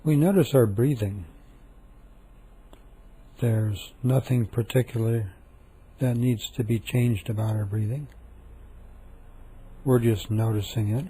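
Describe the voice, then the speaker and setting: A man with a husky, medium-pitched voice leads a guided meditation. He speaks calmly and softly, with long, repetitive pauses.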